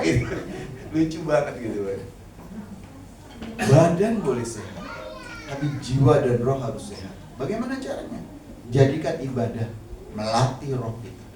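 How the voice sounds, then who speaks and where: In a church hall, a pastor preaches a casual, conversational sermon with humorous asides, often speaking straight to the congregation. His medium-pitched voice is captured by a distant mic in a very echoey hall with noisy background.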